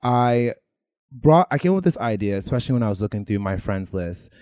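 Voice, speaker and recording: A man's voice: on the low side, big pitch swings, a little fast, darkish tone, dry recording, studio quality. A man hosting a casual podcast interview, joking and rambling and laughing at his own slips. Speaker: podcast host.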